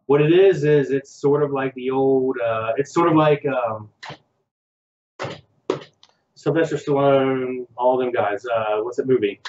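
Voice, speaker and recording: A man's voice: medium pitch, unhurried, pauses often, darkish tone, reverberant, dull audio, a little hiss or hum. A man co-hosting a casual podcast chat, rambling and hesitant as he goes down a list. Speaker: podcast co-host.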